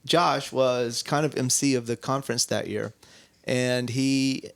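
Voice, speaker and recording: A man's voice: mid-range voice, fairly even intonation, measured pace, gravelly, dry recording. Dry-miked man telling a rambling story. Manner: rambling storyteller, self-correcting. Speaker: co-host. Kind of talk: casual podcast chat.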